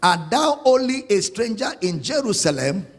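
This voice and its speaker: A man preaching a sermon as a pastor, singing out scripture lines and spelling words slowly. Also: high-pitched, very animated, breathy edge, in a large hall.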